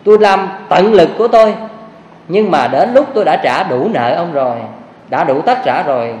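A man's voice: on the high side, animated, normal speed, darkish tone, close to an everyday voice. A man voicing a young man who coldly reproaches an old rich man for the debts between them. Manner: cold, reproachful. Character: poor young man, cold and resentful debtor reborn. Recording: echoey hall, faint hiss.

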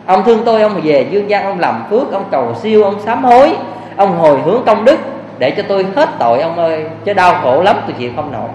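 A man's voice: high voice, animated, quick pace, a little mellow, voice pushed up. A man voicing an old woman who begs her husband to pray her sins away. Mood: pleading. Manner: pleading, lamenting. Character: old woman, suffering ghost, blind and bleeding eyes. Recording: echoey hall, faint hiss.

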